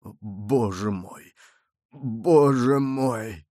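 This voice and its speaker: A man's voice: mid-range voice, takes it slowly, darkish tone, no echo, clean studio sound, lightly acted. A man reading an audiobook and voicing a dying executioner who pleads for forgiveness in a faint, desperate voice. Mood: pleading. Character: dying guilt-ridden male executioner begging forgiveness.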